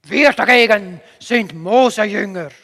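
A man voicing angry male religious leaders who shout accusations, with long hall reverb. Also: sits high, a little slow. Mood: angry scolding.

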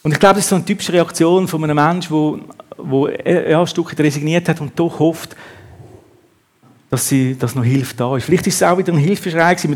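A man preaching a sermon, acting out the quotes in the story with a raised voice. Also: fairly high pitch.

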